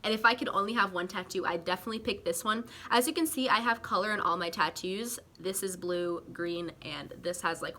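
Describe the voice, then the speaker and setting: A young woman from California chatting casually to camera as a vlogger, animated and full of "like" and "guys". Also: lowish voice, slight background noise.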